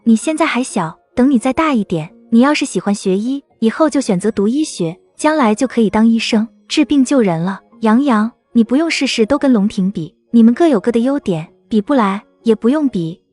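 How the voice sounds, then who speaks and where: A gentle young aunt, played by a woman in a cartoon drama. Her voice is fairly high, and she talks in a patient, soothing way. Faint music sits under her lines. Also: expressive, fairly quick, few pauses.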